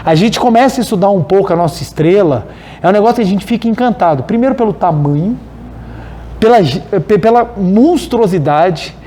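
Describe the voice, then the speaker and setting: A man with a Brazilian Portuguese accent giving a religious study talk, animated and telling stories while speaking straight to his audience. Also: high voice, fairly quick, slight background noise. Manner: animated, storytelling, addresses the audience directly. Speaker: spiritual lecturer.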